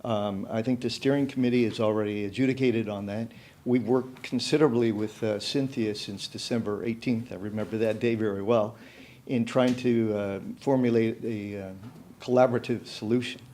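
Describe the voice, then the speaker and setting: A man speaking off the cuff at a city commission meeting, halting and filling pauses with "uh" as he pitches a collaborative plan. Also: fairly even intonation, darkish tone, slight background noise. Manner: halting, many fillers and restarts. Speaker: club representative at public meeting. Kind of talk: unscripted public comment.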